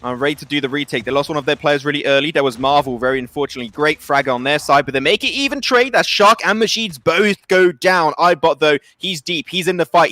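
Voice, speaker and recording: A man casting a live mobile shooter match, excitable and rising to shouts on big plays. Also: a little high, dry recording. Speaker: esports caster. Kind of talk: live game commentary.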